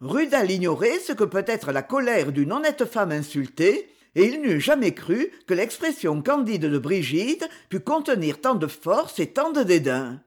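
A woman narrating a novel aloud in a lively, expressive reading style. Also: medium pitch, unhurried, few pauses, slightly rough.

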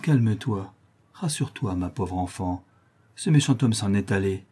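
A man's voice: fairly low pitch, lively intonation, moderate pace, mellow, breathy edge. A man voicing a frightened middle-aged mother who pleads and soothes. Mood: soothing. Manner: pleading, anxious.

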